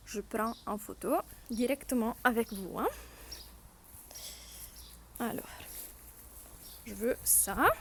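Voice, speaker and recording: Her first language is Italian, and she teaches a workshop by demonstrating an app one step at a time, describing every click with slight hesitations. Her voice is medium-pitched and gravelly, with a little hiss or hum in the recording.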